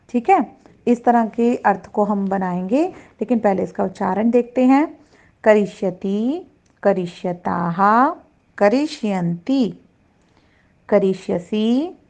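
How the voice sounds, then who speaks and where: Slow, patient woman teaching grammar. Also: mid-range voice, gravelly, darkish tone. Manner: slow, patient, recites verb forms deliberately. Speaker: Sanskrit teacher. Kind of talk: classroom grammar lesson.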